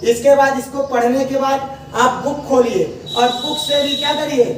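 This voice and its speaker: Guy teaching spelling, drags words out slow, asks students back, very echoey room, mic far off. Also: very high-pitched, level tone, slight background noise.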